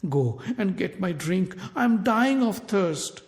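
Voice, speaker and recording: A man voicing a scheming queen in a storybook tale, soft and coaxing. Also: high voice, expressive, slow, in a large hall, pitched above the performer's own voice, full character voice.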